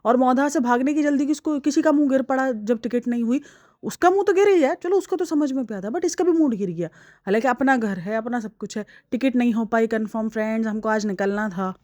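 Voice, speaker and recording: A woman's voice: fairly high pitch, fairly quick, no echo, clean studio sound. A young woman talking casually and with strong opinions as she comments on online vlogs. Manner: opinionated, chatty, animated. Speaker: vlog commentator.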